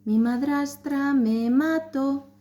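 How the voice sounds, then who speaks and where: A woman voicing a magical bird, a murdered boy reborn, in a slow sing-song chant. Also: mid-range voice, lively intonation, natural voice.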